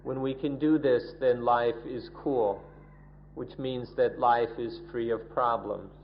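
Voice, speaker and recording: A man calmly rendering a sermon in English, phrasing it evenly and listing things one by one, on a dull old recording. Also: medium pitch, drawn-out words. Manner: calm, even, list-like phrasing. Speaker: interpreter of the sermon. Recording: dull old tape with faint hiss.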